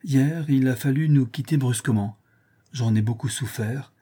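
A man reading aloud, voicing an earnest, gently reproachful provincial baron and father in a period audiobook. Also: medium pitch, moderate pace, slightly rough, close to an everyday voice.

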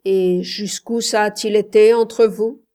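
A woman's voice: mid-range voice, steady tone, takes it slowly, dark tone, close to an everyday voice. A woman reading aloud gives voice to a bitter, jealous husband, questioning his wife with cutting sarcasm in a storybook reading.

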